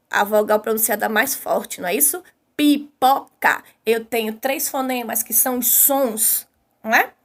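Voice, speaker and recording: A woman teacher with a Brazilian Portuguese accent giving an online class to young children in a sing-song way, stretching key words slowly and putting questions to the class. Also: high-pitched, a bit bright.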